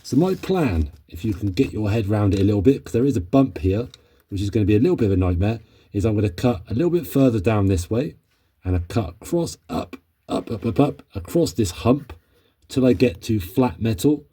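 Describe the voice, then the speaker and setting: A man with a low, husky voice talks his way through a rusty car repair in his garage. He is chatty and a bit self-doubting, thinking out loud as he works. His tone is warm and mellow rather than bright. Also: big pitch swings, brisk. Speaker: car restoration vlogger. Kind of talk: casual workshop vlog commentary. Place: home garage, under a car.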